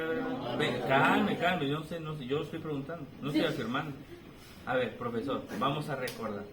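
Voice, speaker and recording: A man with a Peruvian Spanish accent giving an animated physiology lecture, playfully teasing his students with questions. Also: a little high, slight background noise. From Peru. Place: lecture room. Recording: echoey room, voice from a distance.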